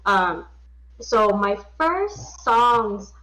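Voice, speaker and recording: A woman's voice: mid-range voice, very animated, extremely slow, pushed and bright. Woman from vietnam, hesitant and self-deprecating, lots of likes and ums, sounds a bit far from the mic. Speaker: podcast co-host. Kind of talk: casual chat. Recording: distant mic.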